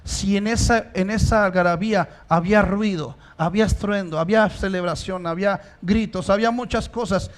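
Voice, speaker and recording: A pastor preaching a sermon in church, asking the congregation rhetorical questions and rising to emphatic stresses. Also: male voice, sits high, moderate pace, hardly any pauses.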